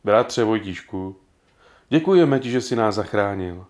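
A man voicing a devout preacher who speaks slowly, gently and solemnly in a storybook reading. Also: lowish voice, expressive, close to an everyday voice. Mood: tender. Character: gentle, devout middle-aged male preacher.

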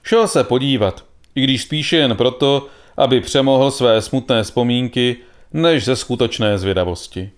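A man narrating a story in a calm, measured reading voice. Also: mid-range voice, clear, resonant tone.

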